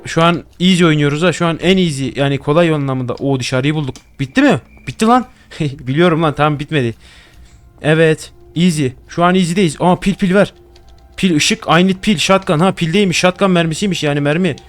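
A man's voice: fairly high pitch, fairly quick, faint music behind. A young man commenting on a horror game he plays at home. He gets jumpy, swears a lot and chats to the objects he finds. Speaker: gaming YouTuber. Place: home room.

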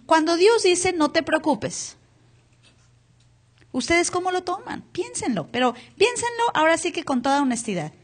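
High-voiced woman pastor preaching live. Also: very animated, normal speed. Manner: asks the congregation to repeat words aloud. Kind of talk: sermon. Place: church hall, captured live.

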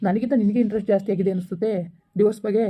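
A woman acting as a defensive, stubborn young husband in a village family drama, talking in a quick, insistent, argumentative way. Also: mid-range voice, fairly even intonation, close to an everyday voice. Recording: dull lo-fi recording.

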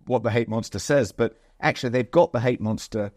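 A man's voice: mid-range voice, brisk, darkish tone, dry recording, studio quality. A man co-hosting a political chat podcast, talking in a discursive, hesitant way. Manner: discursive, hesitant, with many restarts. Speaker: podcast co-host.

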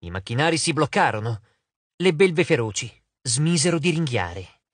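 A man narrating an audiobook with expressive storytelling. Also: on the high side, normal speed, slightly rough, no room sound.

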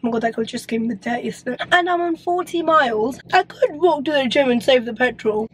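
A young dental student in her twenties vlogs casually to camera, her phone at arm's length in her car and bedroom. Her high voice is expressive and fairly quick, still coming back after illness took it, and her talk is chatty, meandering and self-deprecating. A faint hiss or hum runs through it.

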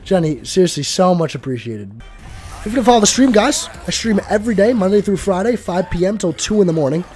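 Excitable male game streamer, dude and bro. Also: high-pitched, fast, faint music behind. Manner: excitable, swears often, calls everyone dude and bro. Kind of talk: live-stream gaming chat.

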